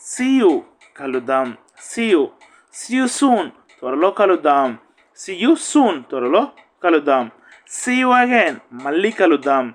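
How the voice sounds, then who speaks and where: A man teaching spoken English, drilling short phrases at a very slow, deliberate pace. His voice is a little higher than most men's and swings widely in pitch, rising on each English phrase and falling on its meaning. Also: fairly bright tone, rough recording. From India. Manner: says each English phrase then its meaning, repeats it slowly.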